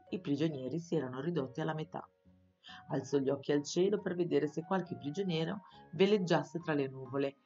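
Low-voiced woman reading a children's story. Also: dull audio. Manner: expressive, storytelling. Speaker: audiobook reader for schoolchildren. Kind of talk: storybook narration.

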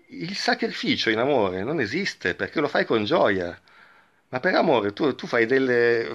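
A male spiritual teacher giving a reflective talk and reading a parable, in a voice of ordinary middle pitch. He speaks slowly and thoughtfully and pauses often to let ideas settle. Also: fairly bright tone, highs cut off. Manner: slow, thoughtful, with frequent pauses.

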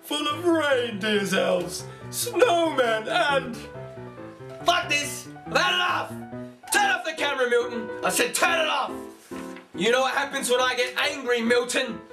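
A man voicing a hot-tempered, foul-mouthed older Santa Claus who rants and shouts. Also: very high voice, a little slow, few pauses, distant mic, over music. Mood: jolly. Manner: ranting, shouting, swearing.

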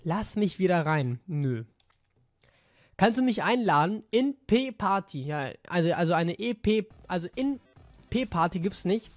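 A man's voice: high voice, sing-song, unhurried, no echo, faint music behind. A man talking casually as a gaming YouTuber, reading out messages in an offhand, slangy way.

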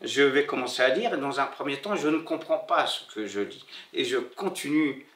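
Seated by a bare wall indoors, this Moroccan-born bookseller in middle age tells his story haltingly during an interview, with frequent pauses and repetitions as he searches for the right French, a language he learned after settling in France. His pitch is medium, expressive and a bit bright. The recording has a roomy echo from a slightly distant microphone.

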